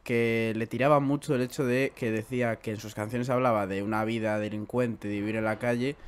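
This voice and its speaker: A man's voice: mid-range voice, fairly even intonation, a little fast, slight background noise. A man hosting a casual podcast interview, chatty and heavy on fillers. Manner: chatty, leans on fillers like "en plan". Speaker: podcast host.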